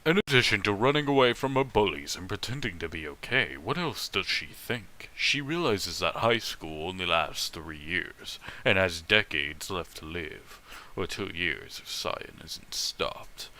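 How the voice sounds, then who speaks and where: This is a low-quality recording of a man hosting a fan fiction reading in a low-pitched, unhurried voice. He interrupts the text for casual commentary that's animated, opinionated, and profane.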